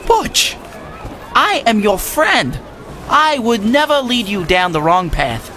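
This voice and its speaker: A slick teenage betting hustler in an audio drama, smarmy and falsely friendly. His voice is high and swoops around expressively. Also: sing-song, slow, noisy background, full character voice. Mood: smug. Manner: smarmy, casually menacing.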